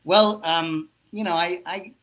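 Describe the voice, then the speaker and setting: A Russian-born man talks through his musical story with plenty of ums and restarts. His voice is fairly high and bright. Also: steady tone, slow pace. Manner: hesitant, many ums and restarts. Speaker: guitarist and singer. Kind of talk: casual interview chat.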